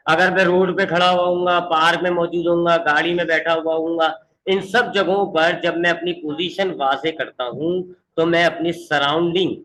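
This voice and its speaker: A man teaching a physics lesson online. He speaks slowly and deliberately, repeating points and switching between English definitions and explanation. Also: on the high side, fairly even intonation, a bit bright, low-quality recording. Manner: mixes English definitions into Urdu-flavored explanation, repeats for emphasis. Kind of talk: online classroom lecture.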